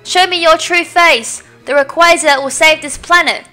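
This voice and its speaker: A woman's voice: high-pitched, expressive, slow, bright, forceful tone, full character voice. A woman reading the lines of a driven young woman who summons a dragon, in an earnest, dramatic way. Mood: solemn.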